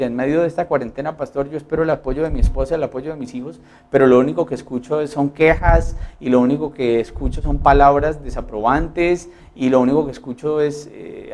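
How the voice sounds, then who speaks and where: A man's voice: fairly high pitch, a little mellow. A male pastor with a Colombian accent preaching a Sunday sermon, earnestly acting out the complaints and prayers he quotes. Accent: Colombian Spanish.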